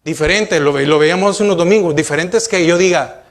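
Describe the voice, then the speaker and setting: Pastor, male, high voice, preaches with rhetorical questions and direct appeals to the pews. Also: fast talker. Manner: asks the congregation rhetorical questions; addresses listeners directly, urging them to look and listen. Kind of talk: sermon.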